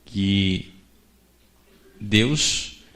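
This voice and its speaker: A man's voice: on the low side, drawn-out words, fairly bright tone. A man in church thanking the young preacher with a brief blessing. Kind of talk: brief closing words.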